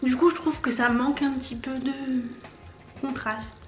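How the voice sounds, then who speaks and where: A young woman in her twenties talks through a makeup tutorial in a casual, chatty way, narrating each step as she works. Her voice sits a little high. The room is echoey, with soft music playing underneath. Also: fairly even intonation, normal speed. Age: 20s. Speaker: makeup vlogger.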